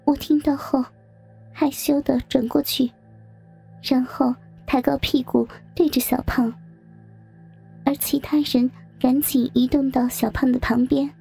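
A woman narrating a first-person adult story in a soft, breathy, near-whispered delivery. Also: high voice, flat delivery, unhurried, soft background music.

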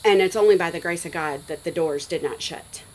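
A woman in her forties recounts a story in a relaxed interview, her voice sitting a little low. She talks in an animated, loose way, peppered with "like" and "you know.". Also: fairly quick, a little hiss or hum, poor audio. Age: 40s. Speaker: guest, schoolteacher.

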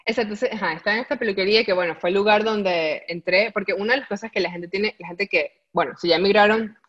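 A woman telling her story in casual chat, animated, laughing often and dropping English words into her Spanish. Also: medium pitch, fast talker. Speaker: guest. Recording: dull lo-fi audio.

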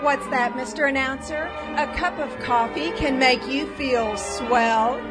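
A chirpy ad sidekick. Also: female voice, high-pitched, unhurried, music in the background.

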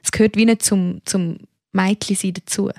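Woman, podcast co-host, reflective casual talk, lowish gravelly voice, dry close mic. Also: fairly even intonation, moderate pace, a little mellow, no echo. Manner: reflective, searching for words. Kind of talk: casual chat.

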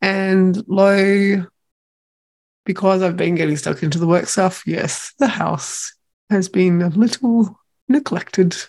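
A woman in her thirties with an Australian accent, co-hosting a podcast in relaxed, soft-spoken casual chat. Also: fairly low pitch, takes it slowly. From Tasmania. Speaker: podcast co-host.

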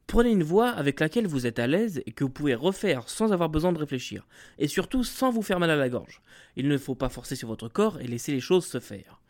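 Brief: young man, fairly high voice, conversational game master giving tips. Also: fairly quick. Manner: conversational, lively, with occasional fillers. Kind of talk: explanatory video talk.

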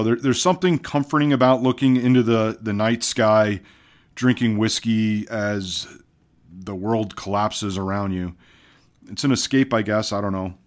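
A man playing a weary end-times vlogger. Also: fairly low pitch. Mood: uneasy. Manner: hesitant, with fillers and restarts; slow, soothing hypnotist's voice. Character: weary man filming as the world ends. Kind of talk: found-footage vlog acting.

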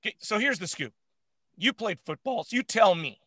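A man co-hosting a casual sports chat, animated and laughing often, with lots of filler words. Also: high-pitched, normal speed, no echo. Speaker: co-host.

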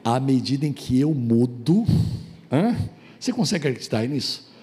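Male pastor, middle-aged, preaching on marriage with animated humor. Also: medium pitch, normal speed. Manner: animated, acts out quotes, jokes with audience. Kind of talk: lively sermon on marriage.

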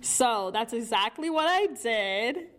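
A young woman podcast co-host telling personal stories in casual, slangy, animated chat. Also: on the high side, takes it slowly.

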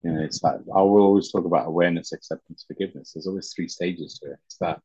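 A middle-aged man from Uganda, a podcast guest, telling his life story in a halting, reflective way with many pauses and restarts. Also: sits low, fairly even intonation, warm tone, husky, no room sound, dull audio.

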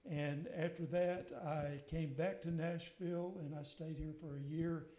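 A man's voice: a little high, fairly even intonation, unhurried, dark tone, roomy sound. An older man from Mississippi, a radio guest telling a long personal story in a meandering way, linking it with "and so anyway". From Mississippi, USA. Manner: meandering, strings clauses with "and so anyway".

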